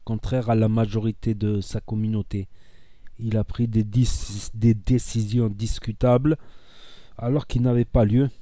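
A man with a southern French accent from Narbonne speaks in a very dark, deep-toned voice, rambling earnestly through a casual monologue as a content creator. He repeats phrases for emphasis and gets heated. The sound is dry and close, with no room echo. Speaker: social media content creator.

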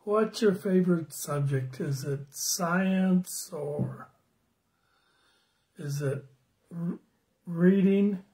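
An older man in his sixties giving a children's sermon on a phone livestream, slow and friendly, greeting viewers by name and asking the kids questions. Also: high voice, a little mellow. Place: small room indoors at home. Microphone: phone camera close up.

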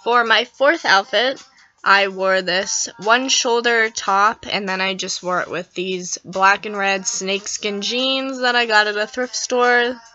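Young female vlogger, sick-sounding, bright tone, casual chatty read over soft music, slightly dull audio. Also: mid-range voice, fairly even intonation, a little slow. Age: young adult. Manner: chatty, affectionate. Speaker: fashion vlogger. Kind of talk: casual outfit vlog voice-over.

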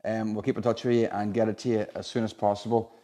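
A man's voice: fairly low pitch, flat delivery, quick pace, dark tone. A man of around forty informally presenting a live prize draw in a chatty, colloquial way. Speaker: competition draw host. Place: indoor showroom unit with a car and screen.

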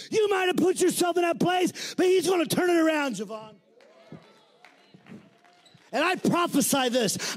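A middle-aged man preaching a sermon as pastor, blunt and colloquial, often shouting. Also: very high voice.

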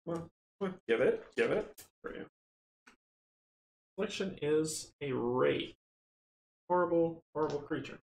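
Gravelly middle-aged man, roomy sound. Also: fairly high pitch, animated, slow, pauses often. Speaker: solo board game player and host. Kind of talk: casual playthrough commentary with rulebook reading. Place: small indoor home game room. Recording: roomy, faint background noise.

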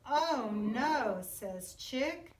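Recorded by a camera several feet off in an echoing indoor classroom, a middle-aged kindergarten teacher reads a picture book aloud to little children. Her high voice draws out the words, unhurried phrase by phrase, in a very animated, sing-song storytelling style.

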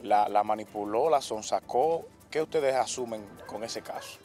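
News guy interviewing outside, steady formal questions, bit of music behind. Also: lowish voice, moderate pace. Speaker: news reporter.

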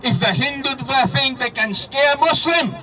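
High-pitched man giving a forceful rally speech. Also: unhurried, distant mic, a faint crowd. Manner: rhetorical, declamatory, leads chants. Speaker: protest speaker. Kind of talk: impassioned protest rally speech. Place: outdoors at a street protest. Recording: outdoor rally PA, street noise.

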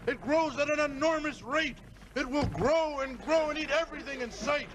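A man's voice: extremely high pitch, moderate pace, a bit bright. An actor voicing a cantankerous, pompous, lecherous very old man, a heckler in a puppet comedy, with an aged, grumbling voice. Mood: indignant. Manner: indignant, pompous, crotchety. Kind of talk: puppet comedy character acting. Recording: noisy old TV comedy soundtrack.

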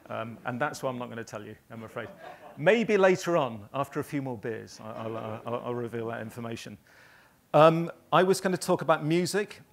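A man in his fifties from northern England spins loose, halting anecdotes to a live audience, pausing often mid-sentence. His voice has a gravelly edge and sits at a middling pitch. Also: animated. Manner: rambling anecdotal storytelling with many ums. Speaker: graphic designer giving a talk.

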